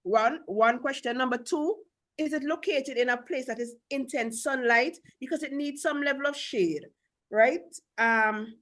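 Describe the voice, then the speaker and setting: A woman's voice: sits high, a bit bright. A woman with a Caribbean accent teaching a live class as instructor, blunt and emphatic, often firing questions. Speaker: agriculture instructor.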